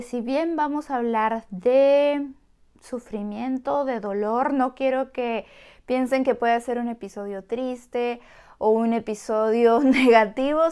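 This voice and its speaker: A woman hosting a motivational podcast, speaking in an expressive, encouraging way to her listeners. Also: a little high, clear, resonant tone. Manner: expressive and encouraging, acts out voices of adults soothing children. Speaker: podcast host.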